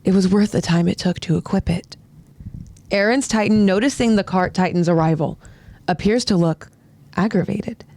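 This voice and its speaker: A man's voice: high voice, darkish tone, dry recording. A man co-hosting and narrating, moving between dramatic scripted storytelling and casual chat. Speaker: narrator and co-host.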